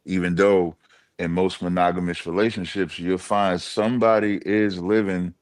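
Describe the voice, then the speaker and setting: Deep-voiced man giving a measured view. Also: no echo. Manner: measured, even-handed explaining. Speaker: panel guest. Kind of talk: casual panel discussion.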